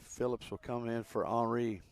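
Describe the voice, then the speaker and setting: A man with a medium-pitched voice gives live play-by-play of a youth soccer match at a normal speed. He's relaxed and chatty, using lots of fillers.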